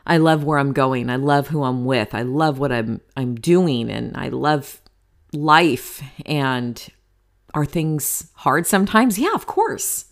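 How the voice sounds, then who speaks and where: A woman's voice: a bass voice, takes it slowly. A woman in her forties hosting her own podcast, talking candidly and chattily about happiness in a motivational tone, with some casual swearing. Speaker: podcast host. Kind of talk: solo podcast monologue.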